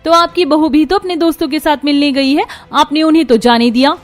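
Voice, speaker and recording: A woman voicing a spoiled, sharp-tongued young daughter in an animated story, whiny and snappy. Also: sits high, a little fast, soft background music, natural voice. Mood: defiant.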